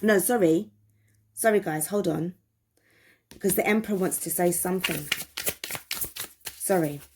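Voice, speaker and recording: A woman's voice: lowish voice, measured pace, background noise. Emphatic woman giving a tarot reading. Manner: emphatic, repeats phrases, asks viewers questions. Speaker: tarot reader.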